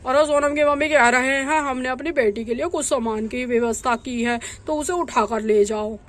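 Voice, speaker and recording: A woman's voice: high-pitched, normal speed, lightly acted. A woman voicing an earnest middle-aged village father explaining family matters in a doll storybook.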